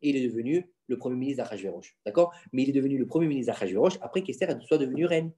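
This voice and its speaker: A man explaining religious stories to his children in a casual home lesson, animated and quizzing them with questions. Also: mid-range voice, rapid-fire. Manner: insistent, keeps the floor. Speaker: father teaching his children.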